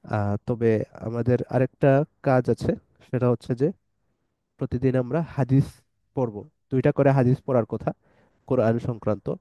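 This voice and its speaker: Male tajweed teacher, patient step-by-step explainer, mellow tone, dry close sound. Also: medium pitch, fairly even intonation, no echo, poor audio. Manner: patient step-by-step explaining, recites verses slowly. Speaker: Quran recitation teacher. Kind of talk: online tajweed lesson.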